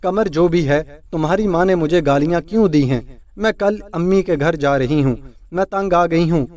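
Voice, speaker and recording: A man's voice: on the high side, darkish tone, distant mic, natural voice. A man voicing a sulky, scheming young wife who complains and accuses tearfully. He keeps close to his own voice, set back from the mic.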